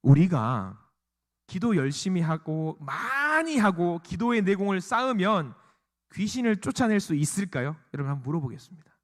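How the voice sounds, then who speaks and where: Male pastor, high lively delivery, sermon in a reverberant church hall. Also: normal speed. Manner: conversational, rhetorical questions, dips into hushed whispers. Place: church sanctuary.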